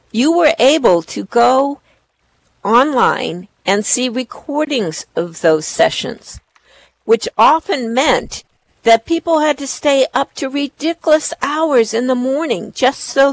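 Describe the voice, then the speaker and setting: A woman's voice: high-pitched, dry recording, rough recording. A woman presenting awards live at an online event as the host, effusive in her praise.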